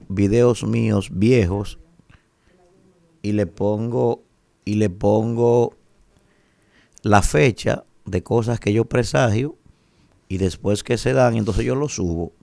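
With a fairly low, gravelly voice and a dark tone, a forties-aged man with a Dominican Spanish accent gives emphatic radio commentary full of rhetoric, tossing out "¿verdad?" again and again. The recording is dry, made indoors in a radio studio with a studio mic on a boom arm.

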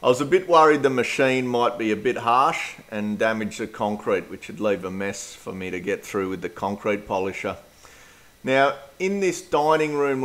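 A man's voice: mid-range voice, a bit bright. Plain-spoken Australian man narrating renovation. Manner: matter-of-fact, practical, plain-spoken. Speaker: DIY renovator. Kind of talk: casual renovation vlog narration.

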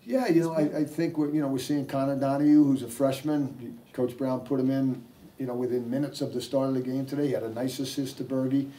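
Fairly quick and warm, with medium pitch and mostly even intonation, an older head coach rambles through postgame press answers full of fillers and restarts. He's seated at a table in a press room with a sponsor backdrop. A table mic records him from a distance.

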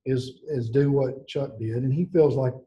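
This school district director sounds mellow and medium-pitched as he makes board meeting remarks on a video call in an office. Earnest and halting, he keeps restarting sentences; the recording is muffled with slight background noise.

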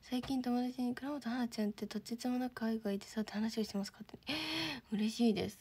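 A teenage girl chats on a livestream, her voice sitting a little high. She has a lilt, keeps thanking viewers, and often slips into hushed, near-whispered asides. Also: fast, breathy edge. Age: teens. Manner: chatty, reads and thanks viewer comments, drops to near-whispers. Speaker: idol livestreamer. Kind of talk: casual livestream chat.

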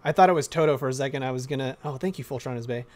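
A man with a hoarse voice chatting casually on a live stream, rambling and reading chat aloud. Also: medium pitch, rapid-fire, a little mellow.

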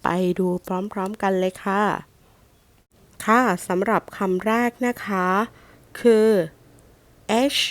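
A woman teacher with a Thai accent, sounding out letters and repeating words slowly in a phonics lesson for young children. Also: mid-range voice, steady tone. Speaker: primary school English teacher.

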